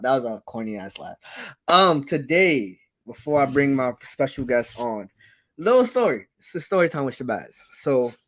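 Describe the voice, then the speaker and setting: A man's voice: medium pitch, fairly bright tone. A man hosting a show in playful, slangy, casual talk, repeating phrases for emphasis. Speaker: show host. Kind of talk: casual chat, animated storytelling.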